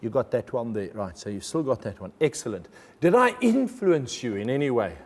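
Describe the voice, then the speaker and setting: A German-native TV magician hosts his show in a studio before an audience, joking and chatting with quick laughs. His medium-pitched voice is very animated and carries the sound of a large hall.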